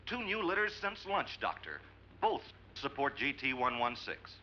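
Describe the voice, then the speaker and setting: A man's voice: mid-range voice, wildly swooping pitch, unhurried. An actor playing an absent-minded male lab assistant who speaks in a detached, terse way. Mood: distracted. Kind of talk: 1950s film acting. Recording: dull old soundtrack with faint background noise.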